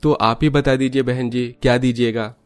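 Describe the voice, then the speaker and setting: A man's voice: medium pitch, steady tone, moderate pace, clear, resonant tone, no room sound, lightly acted. A man voicing a poor, weary woodcutter who is a family father and speaks in a humble, pleading tone, in storybook acting.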